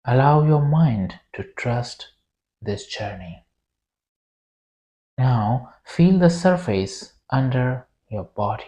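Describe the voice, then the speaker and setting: A meditation guide leads a yoga nidra relaxation soothingly and deliberately, leaving long pauses between short phrases. The voice is medium-pitched and dark in tone, with lively intonation.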